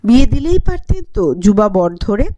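A woman reading the lines of a teasing, sharp-tongued young village wife in an audiobook. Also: mid-range voice, sing-song, moderate pace, lo-fi sound, natural voice. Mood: mocking.

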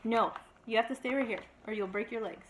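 A woman's voice: on the high side, a little fast, a little hiss or hum. A woman chatting casually in a home vlog, playfully baby-talking to her dog at a table. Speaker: vlogger, dog owner.

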